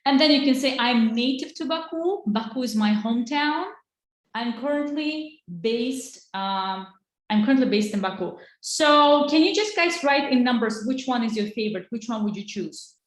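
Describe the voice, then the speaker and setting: A woman's voice: a little high, lively intonation, normal speed, roomy sound. A woman, teaching an online English lesson in an encouraging way. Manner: encouraging, switches between English and Azerbaijani.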